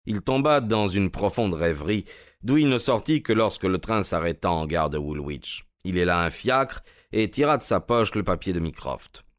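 A man doing measured scripted narration of a classic detective story. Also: low voice, lively intonation, no echo, studio quality. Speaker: audiobook narrator.

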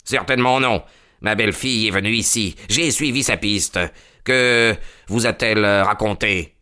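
A man voicing a huge, furious old country doctor who bullies and threatens, shouting fast in an audio drama reading. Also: on the low side. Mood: furious, threatening.

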